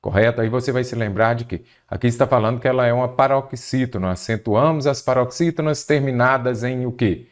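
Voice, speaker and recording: A man's voice: mid-range voice, brisk, few pauses. A Brazilian man teaching an exam-prep grammar lesson, explaining step by step and asking and answering his own questions. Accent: Brazilian Portuguese.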